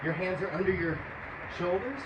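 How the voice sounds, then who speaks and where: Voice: mid-range voice, lively intonation, normal speed. Aerobics instructor in an echoey, noisy room. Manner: encouraging, directive coaching with short commands. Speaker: fitness instructor leading a live home workout. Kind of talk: aerobics instructor calling out cues and countdowns. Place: indoors at home, room with low ceiling. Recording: echoey room, loud background noise.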